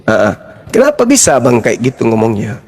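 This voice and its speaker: A man's voice: mid-range voice, wildly swooping pitch, moderate pace, darkish tone, husky. A man debating faith on an online call, combative and mocking, repeating his questions and laughing at his opponents. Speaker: debater in an online interfaith discussion. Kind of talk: heated debate.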